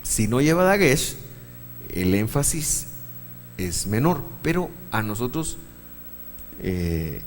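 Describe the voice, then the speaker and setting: A man's voice: mid-range voice, very animated, takes it slowly, long pauses, in a large hall, a little hiss or hum. A man teaching a church Bible class, explaining step by step and quizzing his listeners. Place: church meeting room.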